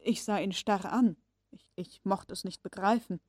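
Female audiobook narrator, expressive and measured, dry and close. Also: medium pitch, breathy edge, dry recording. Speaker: audiobook reader. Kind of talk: audiobook narration of a classic novel.

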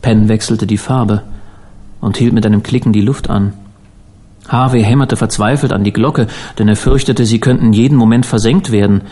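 A man reading a sea adventure aloud in measured, dramatic audiobook narration. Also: on the low side, fairly even intonation, warm tone. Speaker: audiobook reader.

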